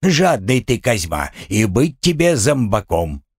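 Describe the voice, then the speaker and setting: A man's voice: on the low side, very animated, a little slow, slightly rough, no echo, studio quality, heavily acted. Man voicing a grumpy bragging little sidekick. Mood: grumbling boastful. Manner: quarrelsome, bragging.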